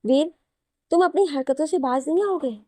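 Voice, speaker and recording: A woman's voice: high-pitched, moderate pace, darkish tone, no room sound, lightly acted. A woman voicing a sleepy, exasperated young wife who scolds her husband, in an audio love story. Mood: scolding.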